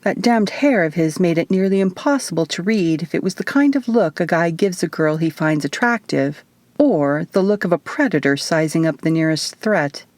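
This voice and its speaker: Female author narrating an audiobook, low-pitched, very dry close-mic sound. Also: animated, moderate pace, a little mellow, no room sound. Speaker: author reading her own audiobook. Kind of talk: first-person audiobook narration.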